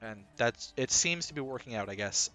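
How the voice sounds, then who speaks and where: A man's voice: mid-range voice, lively intonation, normal speed, pushed and bright, faint music behind. A man talking casually as a team coach, explaining his strategy in a rambling way full of ums and uhs.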